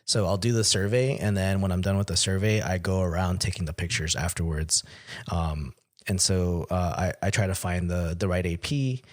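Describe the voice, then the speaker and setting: A man co-hosting a podcast in a relaxed, casual technical chat, sharing tips from his own experience. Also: low-pitched, normal speed. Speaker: podcast co-host.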